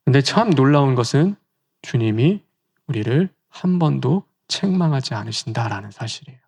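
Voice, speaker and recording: A man's voice: mid-range voice, lively intonation, moderate pace, vocal fry, a little mellow, breathy edge. A male pastor giving a sermon in a conversational way, often asking the congregation rhetorical questions.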